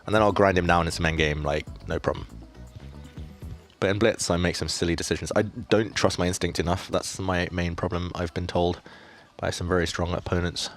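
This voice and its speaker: Low-voiced self-mocking man streaming chess. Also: steady tone, brisk, faint music behind. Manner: self-deprecating, chatty, reads chat questions aloud. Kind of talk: casual live-stream commentary.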